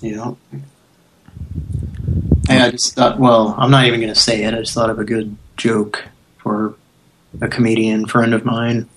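A man's voice: fairly low pitch, flat delivery, unhurried, pauses often, fairly bright tone, a little hiss or hum, poor audio. Dry joking male co-host. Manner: dry absurd quips. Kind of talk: prank call radio show banter.

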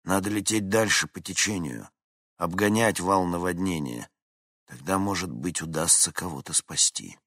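A man narrating an audiobook in an expressive storytelling manner. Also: deep voice, moderate pace, no echo, studio quality. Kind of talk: scripted narration.

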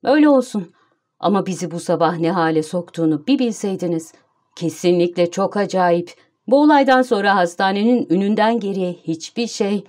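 A woman's voice: mid-range voice, lively intonation, brisk, a little mellow, lightly acted. A woman voicing a flustered young hospital nurse in an audiobook, sounding nervous and clipped. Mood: stiff. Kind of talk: audiobook character voice.

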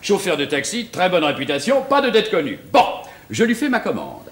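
A man playing a broke cornet player in a stage comedy, wry and bantering, with quick comebacks. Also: high-pitched, wildly swooping pitch, fairly bright tone, full character voice. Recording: roomy stage sound, faint hiss.

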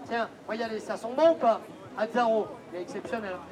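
A man hawking at a street fair with loud barker's patter, insistent, repetitive and teasing toward his listeners. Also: sits high, a little fast. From France. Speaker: street-fair perfume pitchman. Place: outdoors at a busy street fair. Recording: outdoor street fair with crowd noise.

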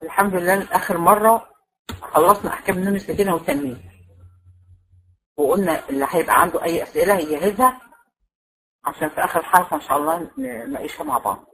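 A woman's voice: lowish voice, lively intonation, rapid-fire, creaky, pauses often, a bit bright, slightly rough, rough recording. A woman with an Egyptian Arabic accent teaching a Quran recitation class, explaining each point step by step and repeating it to check that it is understood. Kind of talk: classroom lecture.

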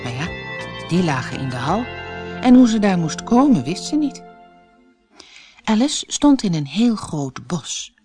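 A woman's voice: on the low side, a little slow, long pauses, faint music behind. A woman from the Netherlands narrating a fairy tale audiobook for children. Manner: expressive, storybook narration. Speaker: storyteller.

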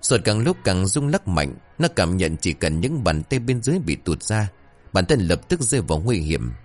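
Deep-voiced man telling a spooky tale. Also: sing-song, normal speed, darkish tone, soft background music. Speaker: storyteller. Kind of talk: scripted horror-comedy narration.

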